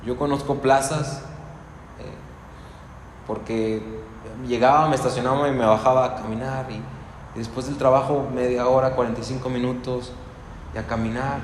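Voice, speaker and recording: A man with a Mexican accent giving a relaxed, conversational sermon, telling personal stories with frequent restarts and asides. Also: mid-range voice, normal speed, pauses often. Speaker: pastor. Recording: echoey hall, faint background noise.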